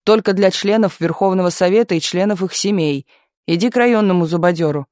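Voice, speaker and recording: A man's voice: high-pitched, brisk, darkish tone, dry recording, clean studio sound, lightly acted. A man voicing a brusque, irritable military pilot who barks curt orders. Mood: angry.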